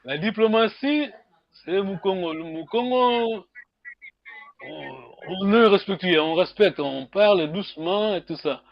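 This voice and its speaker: A man teaching a language class online, questioning his students, with slow speech and many hums. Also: high-pitched, highs cut off. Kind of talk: online group lesson.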